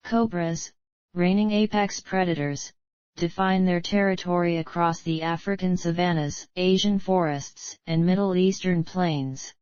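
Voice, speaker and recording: A woman reads scripted nature documentary narration in a formal, measured manner. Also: on the low side, fairly even intonation, a little mellow, clean tone, dry recording, muffled recording. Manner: formal, measured read-out delivery.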